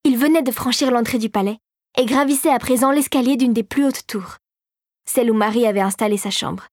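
A woman narrating a storybook in a measured, even manner, reading from a script. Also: fairly high pitch, no room sound, studio quality. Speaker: audiobook narrator.

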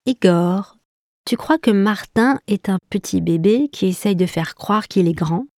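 A woman's voice: medium pitch, a little slow, darkish tone, no room sound, clean studio sound, close to an everyday voice. A woman voicing a cheerful, brave young girl in a children's story.

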